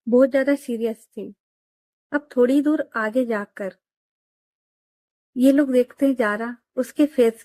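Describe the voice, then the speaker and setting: A woman's voice: on the high side, darkish tone, dry recording. A woman storyteller narrating a serialized audio love story in a chatty way, addressing her listeners as friends.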